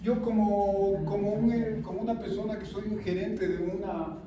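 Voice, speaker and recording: A man's voice: high-pitched, fairly even intonation, moderate pace, lo-fi sound, crowd noise. A male pastor preaching a sermon with fervor, often putting questions to the congregation. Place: large church sanctuary. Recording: echoey church hall from a far mic, congregation audible. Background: congregation responding.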